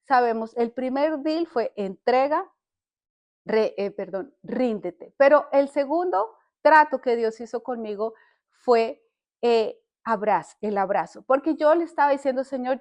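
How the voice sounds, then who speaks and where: An older woman gives a heartfelt faith testimony on a podcast. Her voice sits high, and she speaks earnestly, stopping often to restart a word or a sentence. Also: expressive, darkish tone. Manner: earnest, halting, with many restarts. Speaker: podcast host.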